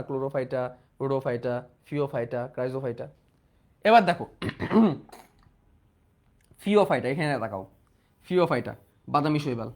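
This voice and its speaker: A man's voice: fairly high pitch, a little mellow. A young man teaching a biology exam-prep class, repeating questions and prompting students to answer. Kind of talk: online exam-prep lecture.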